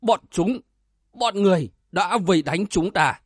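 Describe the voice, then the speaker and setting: A man's voice: high voice, animated, measured pace, breathy edge, no room sound, clean studio sound, full character voice. A man reading aloud as a commanding old grandfather who leads a martial clan. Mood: grieving. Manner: commanding, stern.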